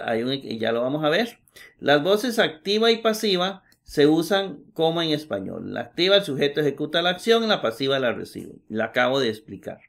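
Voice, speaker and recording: A middle-aged male teacher gives a recorded grammar class. He talks at an ordinary pitch, goes slowly, and repeats every example with frequent "eh" hesitations. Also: a bit bright. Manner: slow, patient, repeats examples with many "eh" fillers.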